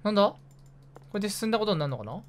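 Streaming a horror game, this man chats to himself about each move in casual commentary. His voice is high with big pitch swings, and he startles easily, yelping and firing off quick, repeated exclamations.

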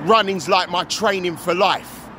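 A middle-aged man talking casually to camera in halting, repeated short phrases, recorded at arm's length outdoors. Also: high voice. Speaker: running vlogger. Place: outdoors on a suburban pavement by a road. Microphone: phone or camera at arm's length. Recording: outdoor street with passing car noise. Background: faint traffic and street ambience.

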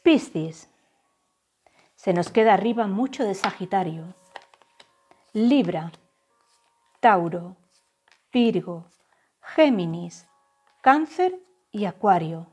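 A woman from gives a tarot reading to camera. Her voice is mellow and breathy, and she draws out the channeled phrases slowly and softly over faint background music. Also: medium pitch, expressive. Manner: slow, soft, drawn-out channeled phrases. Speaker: tarot reader.

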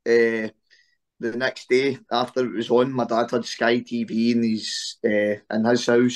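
A Scottish man in his early twenties, a guest speaking casually over a video call, relaxed with lots of "eh" fillers. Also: mid-range voice. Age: 20s. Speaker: interview guest, wrestler. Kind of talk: casual interview chat. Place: small room at home on a video call.

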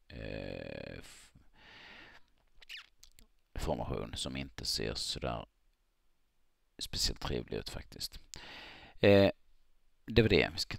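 A man walking through stock charts in a halting screen-recorded analysis, with many fillers as he thinks aloud. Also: extremely low pitch, creaky, a bit bright, no echo, clean studio sound. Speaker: market analyst.

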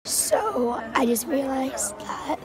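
High, lively young woman vlogging. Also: slow, gravelly. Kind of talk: casual chat to camera. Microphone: handheld camera at arm's length. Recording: noisy handheld home-video sound.

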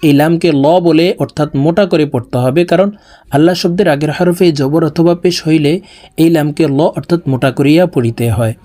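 A woman teaching Quran reading, chanting verses word by word in long drawn-out phrases and explaining the rules. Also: low-pitched, warm tone. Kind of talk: melodic Quran recitation with spoken tajweed explanations.

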